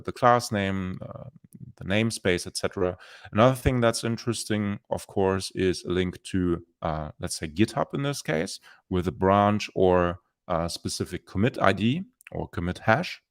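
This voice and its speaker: Low-voiced man giving a live code demo. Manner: thinks aloud with restarts and fillers. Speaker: developer presenter. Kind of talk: live-streamed software demo.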